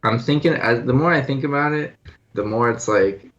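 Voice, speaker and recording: A man's voice: medium pitch, moderate pace, a bit bright, highs cut off. A young man co-hosting a casual podcast chat, easygoing and agreeable, who trails off into fillers. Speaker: podcast co-host.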